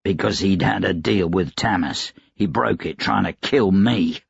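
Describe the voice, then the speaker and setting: A worn-out investigator and father answers in terse, tired lines, as a man reads him out. His voice is low and breathy. The recording is dry and a little dull. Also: unhurried, no room sound, full character voice. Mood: weary.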